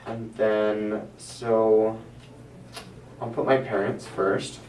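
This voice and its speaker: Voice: mid-range voice, flat delivery, drawn-out words, a little mellow. A person speaking informally as a counselling client, hesitant and searching for words. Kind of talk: hesitant conversation. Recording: roomy, distant mic, faint noise.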